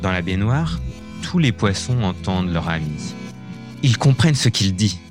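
A man reading a children's story aloud, clear and expressive. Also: deep voice, normal speed, over music.

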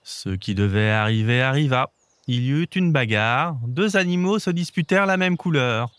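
A man reading a children's story aloud with gentle, expressive storytelling. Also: medium pitch, normal speed, smooth, no room sound.

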